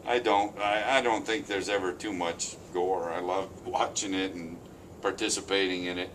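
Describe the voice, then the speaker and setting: A man who works as an actor and stunt coordinator, speaking as a guest in a casual interview with calm, dry humor. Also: sits low, moderate pace, slight background noise. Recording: slightly distant from mic.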